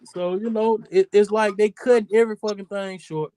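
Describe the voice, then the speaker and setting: A podcast host in his forties chats casually, loose, profane and rambling. His voice sits high, with a steady, mellow, clean tone at a moderate pace, and the recording is dry.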